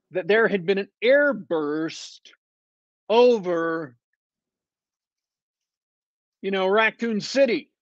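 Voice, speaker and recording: A man's voice: high voice, no room sound. A man hosting a podcast, giving a casual, sarcastic review that wanders off topic, full of ums and restarts. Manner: sarcastic, digressive, with many fillers and restarts. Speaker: podcast host reviewing a TV show. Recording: slightly dull, dry lo-fi sound.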